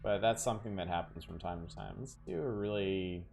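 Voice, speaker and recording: A man's voice: low voice, a little fast, gravelly, very noisy. A man streaming a video game, thinking aloud in a casual, wry way. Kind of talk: casual gameplay commentary. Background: faint game music.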